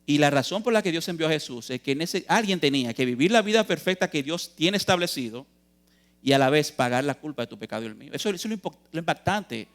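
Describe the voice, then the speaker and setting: A man's voice: a little high, animated, fast talker. A man preaching a youth sermon in a church, earnest and emphatic, posing questions and answering them, calling his listeners brothers.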